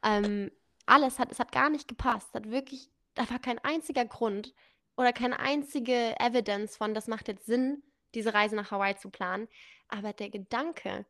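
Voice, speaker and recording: A young adult woman casually telling a personal story as a podcast guest, lively and acting out the dialogue. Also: fairly high pitch, moderate pace, no room sound, clean studio sound. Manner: lively, acts out quoted dialogue.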